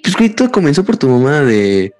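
Teen male co-host, Mexican accent, profane and heated, pitch leaps around, faint music behind. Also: very animated, fairly quick, darkish tone, dry recording. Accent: Mexican Spanish. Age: teens. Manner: swears a lot, voice jumps high when heated. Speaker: podcast co-host. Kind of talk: casual argumentative banter.

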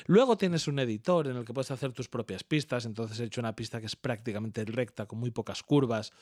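A man in his thirties with a Spanish accent from Spain, chatting casually as a podcast co-host, telling animated stories and swearing freely. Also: mid-range voice, brisk, dry recording, clean studio sound. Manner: animated storyteller, swears freely, imitates others. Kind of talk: casual chat among friends.

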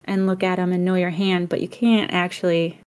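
A woman's voice: lowish voice, flat delivery, a little fast, a little mellow, clear, resonant tone. Woman, podcast co-host, casual and reflective, laughs readily. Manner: reflective, laughs often, many restarts. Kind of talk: casual conversation.

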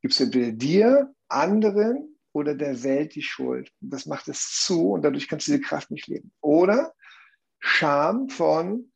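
Gravelly husky German-speaking man. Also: a little high, sing-song, measured pace. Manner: earnest, explanatory, frequent tag questions. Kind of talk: explaining in a conversation.

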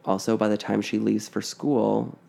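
A man's voice: fairly low pitch, little pitch movement, normal speed, vocal fry, warm tone. A man co-hosting a podcast, telling a spooky family story in a casual, rambling way full of fillers and restarts. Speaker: podcast co-host.

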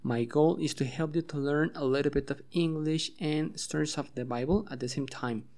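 A man's voice: on the high side, a little slow, darkish tone. A man hosting a bilingual podcast lesson at home, patiently drilling words and having listeners repeat them. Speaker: English teacher and podcast host.

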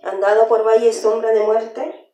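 A woman preaches with fervour, her high voice repeating phrases for emphasis. She sounds like she is in an echoey church room. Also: little pitch movement, normal speed, mellow, a little hiss or hum. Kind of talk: sermon.

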